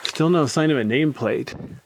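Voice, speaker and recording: A man's voice: fairly high pitch, normal speed, rough recording. A man giving a casual, rambling tour commentary in a laid-back manner, filming himself exploring inside a cave. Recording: clear background noise, handheld cave recording.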